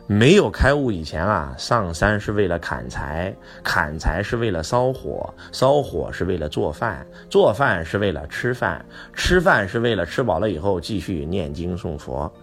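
A man doing a calm, slow old monk. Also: low-pitched, soft background music. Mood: serene. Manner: slow, measured, unhurried. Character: serene old male monk, enlightened and calm.

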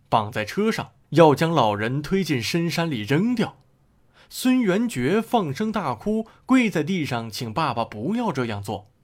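A man narrating a moral story for children in an expressive storytelling manner. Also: medium pitch.

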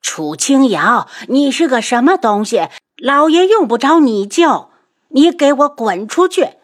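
A woman voicing a scornful, haughty middle-aged noble mother who sneers and shouts in an audiobook. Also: medium pitch, very animated, measured pace. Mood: furious.

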